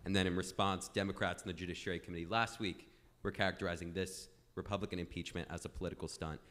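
Young male student, 20s, deep, rapid, articulate question at floor mic. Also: steady tone, fairly bright tone. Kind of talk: audience question. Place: lecture hall floor. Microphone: standing mic.

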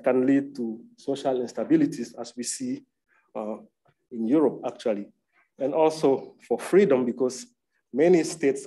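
A man's voice: mid-range voice, warm tone, breathy edge, rough recording. A man from Cameroon moderating an academic panel and presenting slides in a conversational way, often adding tag questions, over a video call.

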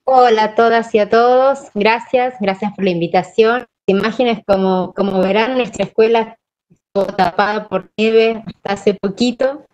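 A woman in her thirties, with an Argentine accent from Santiago del Estero, speaks in a slightly high, slightly mellow voice with fairly even intonation and normal speed. She is a teacher giving an informal online presentation over a video call from a wood-panelled room at home, and the call audio is dull.

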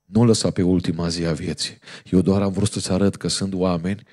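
Deep-voiced man preaching a sermon. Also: little pitch movement, a little mellow. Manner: fervent preaching, storytelling. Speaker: pastor. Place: church.

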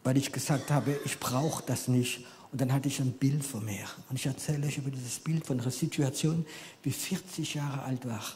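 A middle-aged man, French by first language, preaches in German with a storyteller's drive. His voice sits at a middle pitch, rising loud for emphasis and dropping to near-whispers, over a faint hiss of background noise. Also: steady tone, moderate pace. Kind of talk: sermon.

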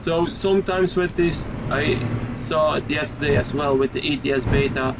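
Over loud truck engine and road sounds from the game, a gaming YouTuber from Belgium talks through his play in English with a Dutch accent, Dutch being his native tongue. He's young, his voice on the high side and his speed normal, and his plain commentary is hesitant and packed with fillers, captured in dull audio.

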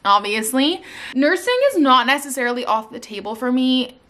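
Seated on her sofa facing the camera, a young Canadian vlogger chats through a casual life update, saying "like" and "um" a lot. Her high-pitched voice is bright, animated, and forceful, at a normal speed.

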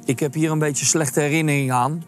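A man's voice: a little high, fairly even intonation, brisk. Man, football coach, documentary interview, hesitant, music in the background. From The Hague, Netherlands. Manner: hesitant with many fillers when talking, shouting loudly on the sideline.

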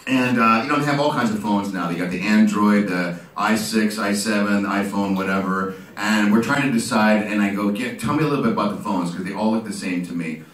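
A man in his fifties spins rambling, self-mocking stories for a live crowd and acts out the people in them. His voice sits on the low side. It rings around an echoey room and reaches the mic from some distance. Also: fairly quick, few pauses, fairly bright tone. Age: 50s. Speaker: artist hosting an art auction talk. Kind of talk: comic storytelling to a live audience. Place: ship's hall with audience.

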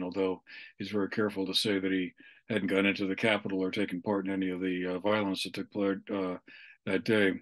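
Low-pitched older man, halting delivery. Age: 60s. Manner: halting, hesitant, measured phrasing. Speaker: local election correspondent. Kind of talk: unscripted election report over video call. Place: small room at home, indoors. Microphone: video call on computer microphone.

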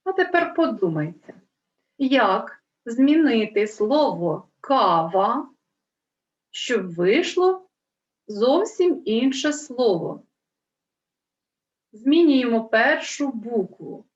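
A woman teaching a reading lesson to young children, spelling out syllables slowly and clearly and asking coaxing questions. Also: on the high side, sing-song, far from the mic. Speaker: primary school teacher. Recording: roomy, dull lo-fi recording.

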